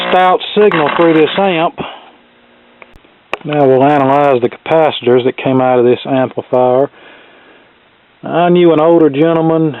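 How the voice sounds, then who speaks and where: A middle-aged man with a fairly high-pitched voice presents an electronics repair video from his workshop as a hobbyist, chatting casually through the hands-on work with folksy, plainspoken phrasing. The dry, close recording has a narrow, tinny, phone-like quality.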